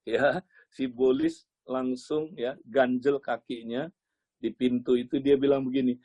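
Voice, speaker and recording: Lively male preacher telling a story. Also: mid-range voice, unhurried, creaky, slightly rough, dry recording, highs cut off. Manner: lively storyteller, keeps addressing listeners as "Saudara". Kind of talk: storytelling sermon.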